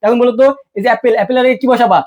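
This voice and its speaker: A young man's voice, sitting very high for a male speaker, running through an English grammar lesson at a brisk clip. He fires the same question again and again and answers it himself. He calls the student brother the whole way through. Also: fairly even intonation, a little mellow. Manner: addresses the viewer as brother. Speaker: English tutor. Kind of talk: online exam-prep lesson.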